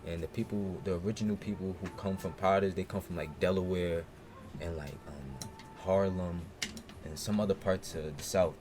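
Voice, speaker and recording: A young man, co-hosting a casual podcast and telling stories in a relaxed, slang-heavy way. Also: low voice, moderate pace, music in the background. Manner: laid-back slang-heavy storytelling. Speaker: podcast co-host. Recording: noisy room ambience.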